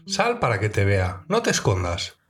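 Puzzled storybook shopkeeper, calling out, kinda low, done by a man. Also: huge pitch swings, moderate pace, faint music behind. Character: gruff, puzzled male shopkeeper.

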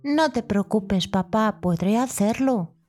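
A woman voicing a tiny, brave little boy in a children's story, with a high, slow, sing-song child voice. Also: lively intonation, darkish tone, soft background music. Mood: pleading. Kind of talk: storybook acting.

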